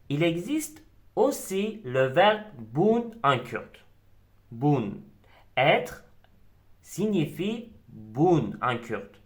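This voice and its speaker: Slow, deliberate male language teacher. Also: on the high side. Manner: slow, deliberate, repeats example words. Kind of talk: recorded language lesson.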